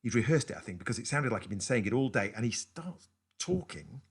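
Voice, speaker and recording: A man's voice: medium pitch, lively intonation, fairly quick, gravelly, breathy edge. An actor playing a man with a London accent who tells his partner a story in a rambling, distracted way in a naturalistic stage drama. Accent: London English. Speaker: actor in a two-hander play.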